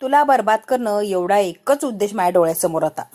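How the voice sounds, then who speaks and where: A woman's voice: medium pitch, lively intonation, fairly quick, mellow, close to an everyday voice. A woman voicing a proud, wealthy middle-aged woman who rants bitterly after being humiliated and swears revenge. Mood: bitter, vengeful. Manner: ranting, self-pitying, bitter.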